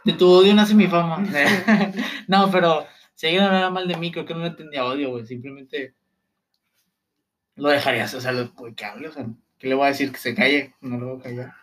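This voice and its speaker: A man's voice: fairly high pitch, fairly even intonation, brisk. A young man with a Mexican accent in casual chat, joking and asking questions. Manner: joking, curious, asks questions.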